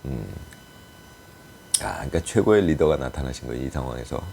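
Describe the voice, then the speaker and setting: A man giving a casual political commentary monologue, speculating aloud and pausing often with hesitant fillers. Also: extremely low pitch, lively intonation, gravelly, darkish tone, slight background noise.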